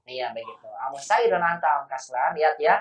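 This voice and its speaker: A man's voice: on the high side, animated, fairly quick, a crowd in the background. A man teaching a language class, patiently correcting students and explaining grammar. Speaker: Arabic teacher. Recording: echoey, distant, muffled.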